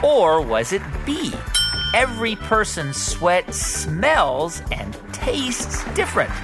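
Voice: mid-range voice, wildly swooping pitch, takes it slowly, music in the background, full character voice. A performer playing an earnest, easily startled co-host in a scripted children's comedy podcast, with an exaggerated announcer delivery. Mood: showy, upbeat. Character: earnest, easily startled game show host, comic straight man. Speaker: co-host of a children's science game show podcast.

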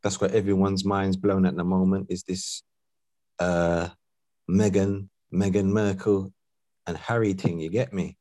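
A man's voice: sits low, little pitch movement, a little slow, warm tone, no echo. A man with an urban London street accent hosting a podcast in casual, slang-heavy roadman talk. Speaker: podcast host.

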